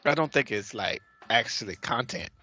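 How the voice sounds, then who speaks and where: Commenting casually on his gameplay, a young streamer sounds excitable and is fast to question what he hears. His pitch is medium and there's no echo.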